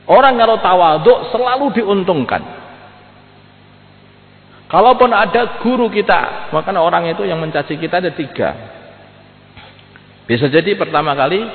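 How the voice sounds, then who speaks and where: A man giving an evening sermon, animatedly acting out quoted dialogues, recorded in a prayer hall. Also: fairly high pitch. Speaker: preacher. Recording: echoey hall over a thin phone-like line.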